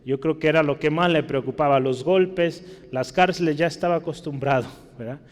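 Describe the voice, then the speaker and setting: A man preaching a sermon in a church, often asking the congregation questions and adding "¿verdad?", his voice rising when he reads Scripture aloud. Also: fairly quick. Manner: rises in pitch and volume when reading Scripture aloud. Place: church hall. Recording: long hall reverb.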